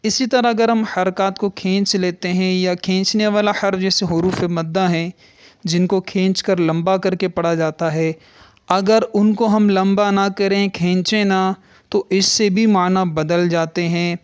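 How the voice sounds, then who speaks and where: High-voiced earnest male Quran teacher. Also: steady tone, clear, resonant tone, no echo. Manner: earnest, instructive, demonstrates letter sounds. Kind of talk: religious lesson on Quran recitation.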